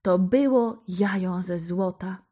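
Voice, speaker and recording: Slow, gentle woman storyteller. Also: lowish voice. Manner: gentle, unhurried narration. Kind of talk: reading a fairy tale to children.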